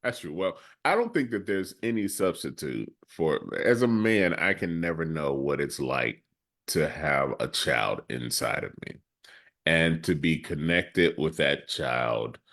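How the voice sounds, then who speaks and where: A man with a very low, deep voice co-hosts a relaxed discussion show. He lays out his views in a measured way, and his pitch jumps sharply upward when he jokes and laughs. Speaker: podcast co-host. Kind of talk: casual discussion.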